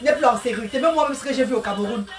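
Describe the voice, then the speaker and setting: A woman's voice: on the high side, very fast. A woman cooking while she talks on a casual live stream, greeting viewers by name and often speaking of God's blessings. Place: home kitchen. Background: music playing.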